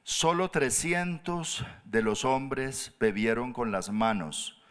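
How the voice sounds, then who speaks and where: A pastor preaching a sermon, animated, jumping up high for emphasis and dropping to soft low tones. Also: male voice, slow pace. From Colombia.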